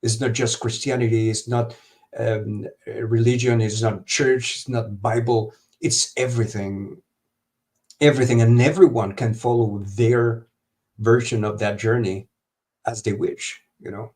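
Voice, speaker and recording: Halting man on a video call. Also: mid-range voice, fairly even intonation, a little mellow. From Honduras. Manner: halting, many fillers and restarts. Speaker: guest. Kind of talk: live stream interview over video call.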